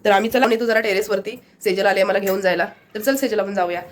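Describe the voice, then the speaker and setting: Brief: woman vlogger, Konkan Marathi accent, brisk chatter to a phone camera. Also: mid-range voice, a little hiss or hum. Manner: chatty, shows things to the camera. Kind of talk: casual daily vlog narration. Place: family home, indoors.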